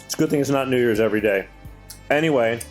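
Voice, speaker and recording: A man's voice: medium pitch, fast, soft background music. A man hosting his own chat show, talking earnestly and rambling with lots of fillers and restarts. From Greek heritage. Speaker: show host.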